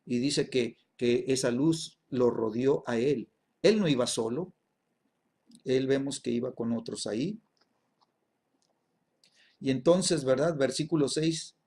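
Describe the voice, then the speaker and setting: A man's voice: medium pitch, takes it slowly, pauses often, warm tone, husky. A man teaching a Bible lesson in an emphatic way, often checking in with his listeners through short tag questions.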